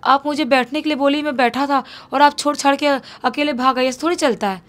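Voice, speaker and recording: A woman's voice: high-pitched, a little fast, pitched above the performer's own voice, close to an everyday voice. A woman voicing a frightened young boy who urgently pleads with his mother. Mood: complaining.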